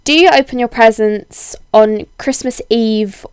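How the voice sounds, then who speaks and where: Young woman, unhurried pace, dry close sound, hoarse from a cold, casual vlog chat, wryly dramatic. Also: on the high side, dry recording. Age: young adult. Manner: rambling, self-deprecating, wryly dramatic. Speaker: video blogger. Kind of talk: casual chatty vlog, answering tag questions.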